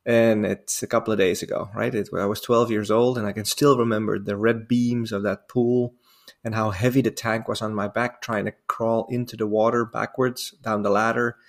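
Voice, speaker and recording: A man's voice: lowish voice, flat delivery, normal speed. A man in his forties from the Netherlands, a native Dutch speaker, telling stories as a guest on a podcast with lots of fillers. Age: 40s. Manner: rambling, self-amused storytelling with frequent fillers. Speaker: guest diving instructor. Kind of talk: casual podcast interview.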